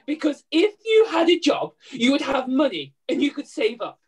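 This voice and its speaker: A woman's voice: high voice, big pitch swings, moderate pace, darkish tone. A woman playing a downtrodden, blustering widowed mother who runs a laundry, in hammy, plaintive pantomime style. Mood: exasperated. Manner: exaggerated, plaintive, addressing the audience. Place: room at home, video call.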